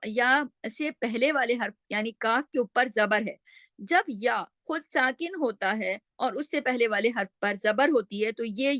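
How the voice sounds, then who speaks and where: A woman's voice: fairly high pitch, no echo. A woman teaching Quran recitation step by step. She patiently explains each sound and demonstrates how it is pronounced.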